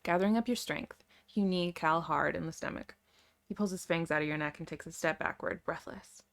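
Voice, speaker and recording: A young woman reading a story aloud and breaking off for sarcastic commentary. Her voice is low and gravelly. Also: a little fast. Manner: wry, sarcastic asides. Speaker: YouTuber.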